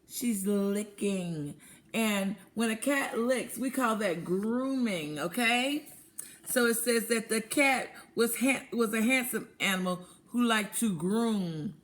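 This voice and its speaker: In an interactive read-aloud lesson, a woman teaching young children works through a picture book, posing questions, waiting, affirming answers and keeping word explanations simple. Her voice is mid-range and a bit bright.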